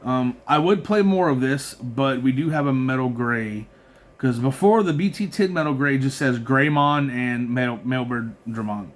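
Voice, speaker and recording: A man's voice: medium pitch, moderate pace. Rambling man reading card text aloud. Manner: rambling, filler-heavy, reads card text aloud with frequent restarts. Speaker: card game content creator. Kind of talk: casual deck walkthrough.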